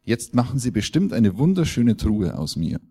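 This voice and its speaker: A man's voice: mid-range voice, sing-song, normal speed, warm tone, husky. A man voicing a hopeful tree that dreams of holding a treasure, speaking eagerly in a told story.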